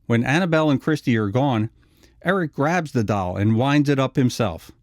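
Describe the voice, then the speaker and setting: A man's voice: mid-range voice, animated, moderate pace, no echo, studio quality. A man narrating a scripted retrospective video essay.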